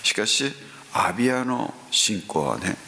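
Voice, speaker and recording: Slow, deep-voiced male preacher in hall. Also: lively intonation, vocal fry, bright, forceful tone. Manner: slow preaching with frequent hums and rising exclamations. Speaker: pastor. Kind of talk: sermon. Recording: echoey hall with faint hiss.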